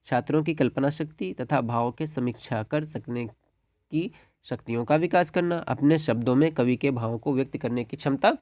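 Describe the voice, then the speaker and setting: A man's voice: medium pitch, moderate pace, darkish tone, no echo, studio quality. A man tutoring students through a solved exam paper, reading questions and answers as lists and addressing them as friends after nearly every point. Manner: repeats "dosto" and "theek hai", reads answers as dictated lists. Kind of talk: exam paper walkthrough lesson.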